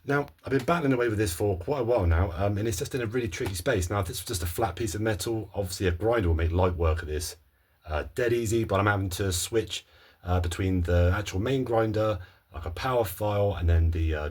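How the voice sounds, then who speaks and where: A man with a low, husky voice talks his way through a rusty car repair in his garage. He is chatty and a bit self-doubting, thinking out loud as he works. His tone is warm and mellow rather than bright. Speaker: car restoration vlogger. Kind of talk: casual workshop vlog commentary. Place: home garage, under a car.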